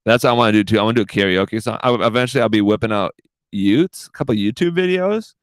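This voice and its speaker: A man's voice: on the low side, fast talker, dry recording. Rambling podcaster man in his thirties. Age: 30s. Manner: rambling, swearing, says "dude" a lot. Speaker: podcast host. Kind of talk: casual solo podcast.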